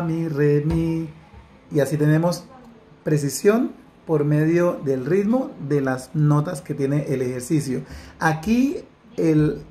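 A man's voice: a little high, darkish tone. A man teaching a solfège lesson, explaining exercises step by step and singing note names and rhythm syllables. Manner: slow, deliberate explanation, breaking into sung syllables and counted beats. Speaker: music teacher.

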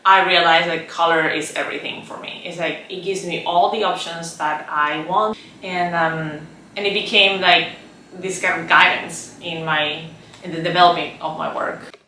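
Speaking at normal speed with fairly even intonation, a Chilean visual artist in her thirties gives a reflective documentary interview in a lowish, soft voice full of "like" and "um." She's far from the mic in a spacious, echoey indoor studio, with slight background noise.

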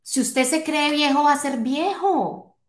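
This woman's voice is high and a little slow. Aged forty-nine, she's a coach giving an emphatic motivational talk online to a live audience, posing rhetorical questions and check-in tags straight to her listeners. The small indoor home office gives the recording a roomy echo.

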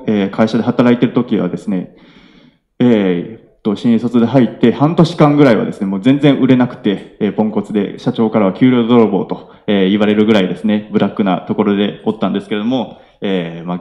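A man in his late twenties with a Kansai accent, giving a polite self-introduction at a local meetup, often pausing on filler sounds. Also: on the low side, mellow, dull audio. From Nara, Japan. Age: 20s. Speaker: young entrepreneur presenter. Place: event hall with audience.

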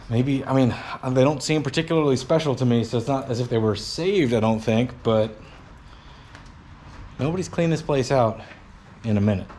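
A man's voice: mid-range voice, a little mellow, slight background noise. Rambling man vlogging in a garage. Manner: rambling, musing, lots of fillers and trailing thoughts. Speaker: garage channel host. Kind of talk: casual vlog commentary while cleaning. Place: large cluttered old garage workshop, indoors. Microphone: action camera held at arm's length.

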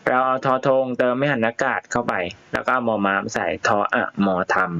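A man's voice: medium pitch, a little fast, gravelly, pushed and bright. A male primary school teacher leading a reading lesson, reading word by word and spelling syllables letter by letter. He often ends with polite particles and asks pupils to read after him.

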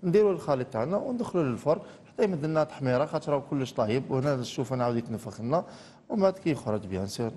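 Fast-talking Algerian chef in echoey studio. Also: male voice, medium pitch, big pitch swings, warm tone, slight background noise. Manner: rapid, explaining steps. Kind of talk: cooking demonstration. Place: TV studio kitchen.

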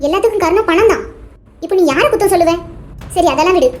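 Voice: very high voice, lively intonation, fast, a little mellow. A performer voicing a friend in a cartoon who lectures and presses for answers. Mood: lecturing. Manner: lecturing, insistent. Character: young friend Sakthi, preachy advice-giver. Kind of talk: cartoon voice acting.

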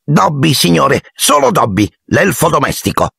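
A wailing, groveling male house elf with a piercing, squeaky voice. His pitch swings wildly with a gravelly edge, and the sound is close and dry. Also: wildly swooping pitch, moderate pace, a bit bright, dry recording, exaggerated voice. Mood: eager. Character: shrill, tearful, servile male house elf. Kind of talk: audiobook character voice.

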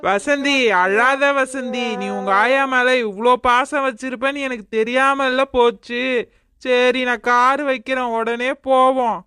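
A performer voicing a patient, soft-hearted village husband in a cartoon, with a Kanyakumari Tamil accent, speaking in a placating, gentle way. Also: sits high, steady tone, measured pace, smooth, dry recording, clean studio sound.

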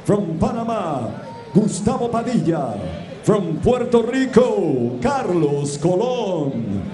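A middle-aged man working as a bilingual boxing ring announcer in a lucha libre style, with booming showman calls, stretched words and rapid runs into a handheld microphone. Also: sing-song, mellow. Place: boxing ring in an indoor arena. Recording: echoey arena PA with crowd noise.

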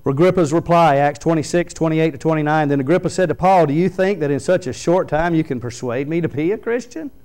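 Middle-aged male pastor, slightly high voice, preaching at a podium mic in a small church, loud peaks and hushed drops. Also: a little fast, few pauses. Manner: preaching with wide swings from loud emphatic lines to quiet low ones. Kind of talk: sermon. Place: small church hall, indoors. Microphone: podium microphone.

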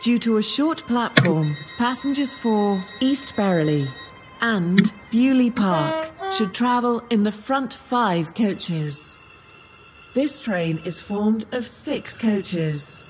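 Slow woman's station loudspeaker announcement. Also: mid-range voice, expressive, soft background music. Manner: measured, formal announcing. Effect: train station loudspeaker announcement.

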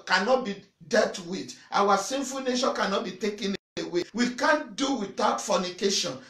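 Forceful pastor, lively pitch. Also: male voice. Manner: forceful preaching with repetition and sudden loud shouts; waves arms and gestures while preaching. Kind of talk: sermon to camera. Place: small indoor church room in front of a banner. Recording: echoey room.

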